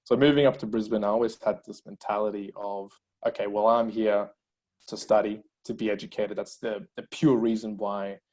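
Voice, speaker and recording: A Spanish-speaking man in his thirties, born in Colombia, tells his life story as a guest in a casual interview. His voice sits on the low side at a normal pace, and he's an energetic storyteller who uses lots of fillers. The recording quality is poor.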